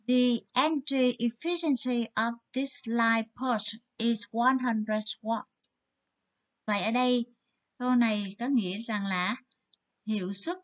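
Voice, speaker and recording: A woman teacher with a Vietnamese accent giving a vocabulary lesson, reading English words and explaining them in Vietnamese. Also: a little high. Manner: slow and careful, switching between English words and Vietnamese explanations. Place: Nha Trang school.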